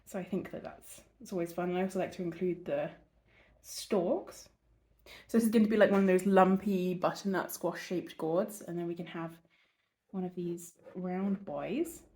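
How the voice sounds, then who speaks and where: A woman's voice: fairly low pitch, warm tone. A woman with a stuffy, congested voice from a cold, hosting a casual drawing and painting tutorial in a chatty, rambling, self-mocking way. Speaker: art channel host.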